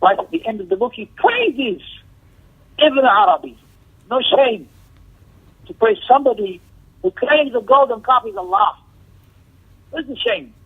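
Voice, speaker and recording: The lecturer, a man with a very high-pitched, sing-song, breathy voice, speaks a little slowly and leaves long pauses. In this emphatic Islamic lesson he explains a text, recites Arabic, quotes sources, and repeats phrases for stress over phone-like, tinny audio.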